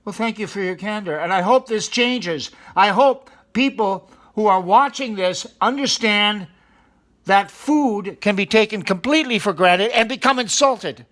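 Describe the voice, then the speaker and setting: A man's voice: high-pitched, a little slow, a bit bright. A man hosting a mock-serious comedy talk show in a studio, earnestly questioning food as if it were a guest.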